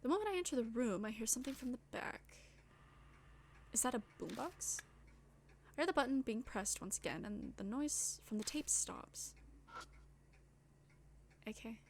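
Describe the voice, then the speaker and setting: A woman's voice: fairly high pitch, lively intonation, a little slow, pauses often, noisy background. A woman streamer reading visual novel text aloud with casual, slangy asides. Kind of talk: let's-play reading game text aloud. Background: game music.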